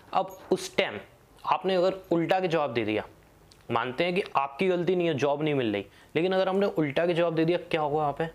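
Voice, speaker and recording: A young man hosting a casual advice talk, speaking conversationally and often checking in with "theek hai". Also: a little high. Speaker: host.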